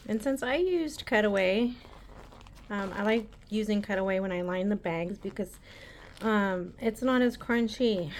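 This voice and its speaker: A woman's voice: medium pitch, slight background noise. A woman hosting a casual embroidery tutorial, chatty and rambling with frequent ums.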